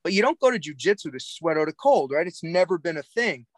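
A man with a Cape Breton accent and a slightly high voice talks in a loose, casual way. He is blunt and swears easily. The sound is very dry, with no room echo. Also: expressive, fast. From Cape Breton Island, Nova Scotia, Canada. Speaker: podcast guest, jiu-jitsu coach. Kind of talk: casual chat.

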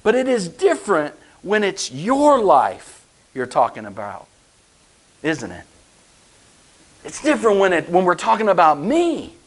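A man's voice: sits high, wildly swooping pitch, a little slow, long pauses, rough recording. A man preaching a conversational sermon, often asking his listeners rhetorical questions. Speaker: pastor.

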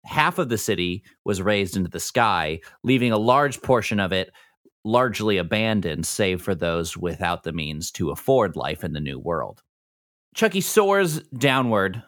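A man's voice: fairly low pitch, fairly bright tone, no room sound, studio quality. A man narrating a tabletop role-playing game as game master, setting scenes in an informal, conversational way.

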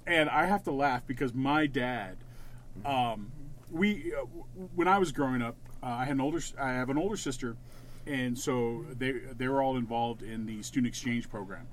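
A man's voice: mid-range voice, moderate pace, slight background noise. A middle-aged man co-hosting a podcast, telling a story in a rambling, self-correcting way. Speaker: podcast co-host. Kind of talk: casual chat.

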